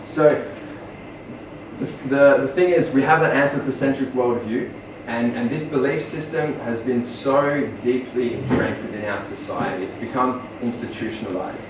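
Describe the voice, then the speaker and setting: A man with an Australian accent gives an earnest public presentation, full of ums and restarts. His mid-range voice is steady and at normal speed, picked up far from the mic in an echoey, noisy small venue.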